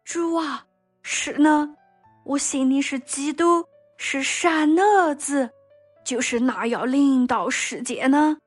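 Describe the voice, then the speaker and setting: A woman's voice: high voice, slow pace, soft background music, pitched above the performer's own voice. A woman playing Martha, a pleading grieving sister. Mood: urgent.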